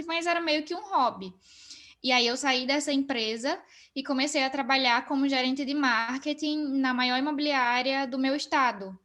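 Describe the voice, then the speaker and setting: Chatty woman, fairly high. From Northeast Brazil. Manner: relaxed, talkative, frequent fillers. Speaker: guest. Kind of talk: casual interview chat.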